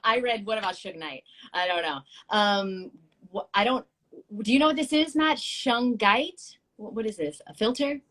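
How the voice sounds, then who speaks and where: A woman in her thirties hosting a casual live-stream chat, excitable and quick to laugh, swearing casually. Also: medium pitch. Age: 30s. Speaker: show host.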